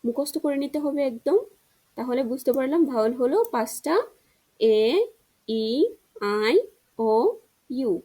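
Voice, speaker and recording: A woman teacher giving a children's reading lesson, spelling words out slowly and drawing them out. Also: high-pitched, dark tone, poor audio. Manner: slow, drawn-out spelling drills.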